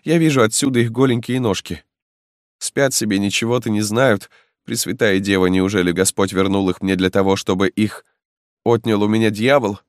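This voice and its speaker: A man's voice: fairly low pitch, fairly even intonation, moderate pace, no room sound, clean studio sound, close to an everyday voice. A man voicing a desperate young peasant mother who wails and pleads for help. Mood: pleading. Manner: pleading, wailing cries for help.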